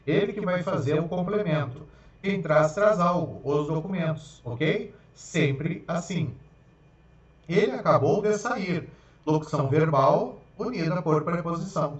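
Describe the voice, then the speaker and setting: A fairly high-voiced man with a Brazilian accent teaches a grammar lesson, walking through each point and often checking that the class is following. He sits back from the microphone in a roomy space, and the sound is dull and echoey. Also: recorded from a distance. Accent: Brazilian Portuguese. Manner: explains step by step, checking in with "tá?" and "ok?". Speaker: Portuguese teacher. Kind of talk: grammar lecture for exam prep.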